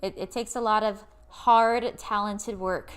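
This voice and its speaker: A young woman streaming casually, excitable and swearing freely while chatting with viewers. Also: mid-range voice, measured pace, smooth. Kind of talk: casual livestream chat.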